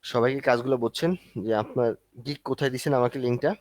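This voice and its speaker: A man's voice: medium pitch, steady tone, fast, no room sound. Man teaching an online class. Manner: conversational, explaining step by step while showing a screen. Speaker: instructor.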